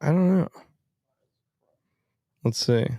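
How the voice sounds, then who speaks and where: Gravelly joking young man. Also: on the high side, dry recording, clean studio sound. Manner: jokey, deadpan, quick with impressions. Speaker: guest. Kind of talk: casual chat.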